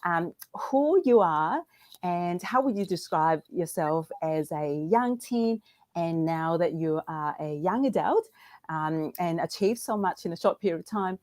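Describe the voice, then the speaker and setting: A woman's voice: lowish voice, animated, measured pace, darkish tone, no echo, clean studio sound. A middle-aged woman hosting a live online Q&A, talking with many fillers and restarts. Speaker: brand founder and host.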